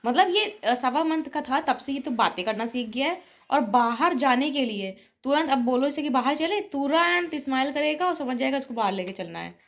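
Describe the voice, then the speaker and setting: A young woman narrating her baby's day in a casual home vlog, chatty and sometimes speaking softly so the baby stays asleep. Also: high voice, animated, normal speed. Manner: chatty, soft-spoken at times to avoid waking the baby. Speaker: family vlogger, mother.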